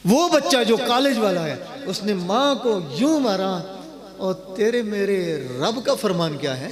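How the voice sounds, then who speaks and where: A male cleric delivers a fervent sermon in a notably high voice. He leans on repetition, saying key lines twice to drive them home. Behind him, a gathered crowd is clearly audible throughout the live recording. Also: lively intonation. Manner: impassioned, repeating phrases for emphasis. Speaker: Islamic cleric addressed as maulvi. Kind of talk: emotional Islamic sermon to a gathering.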